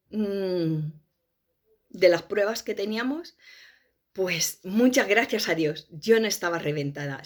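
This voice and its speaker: Woman, personal testimony, gravelly fry, halting emotional storytelling. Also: fairly low pitch. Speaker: testimony speaker.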